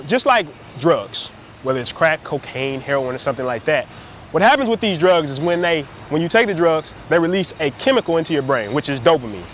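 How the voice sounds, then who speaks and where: Fast, animated motivational man. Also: a little hiss or hum. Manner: animated, emphatic, swings between high and low. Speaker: motivational speaker. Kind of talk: motivational talk to camera.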